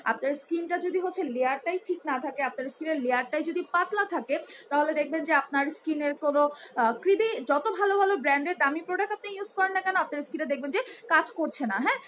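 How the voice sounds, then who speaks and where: Woman, young, high bright voice, chatty live-stream seller, faint hiss behind. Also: quick pace. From Bangladesh. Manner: chatty, rambling, sprinkles English words, leans on fillers. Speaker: online beauty shop seller. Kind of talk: live-stream product selling, reading viewer comments.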